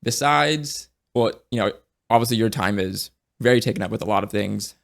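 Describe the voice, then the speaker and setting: A man's voice: fairly low pitch, normal speed, vocal fry, a bit bright. A man hosting a podcast, talking in an earnest, reflective way that often trails off and restarts. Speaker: podcast host. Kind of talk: casual conversational interview.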